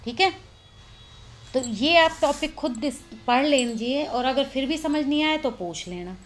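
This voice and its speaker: A woman's voice: high-pitched, lively intonation, measured pace. Woman teacher explaining grammar step by step. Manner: explains step by step, asks and answers own questions, frequent "है ना". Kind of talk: recorded Hindi grammar lesson. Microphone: phone voice recorder.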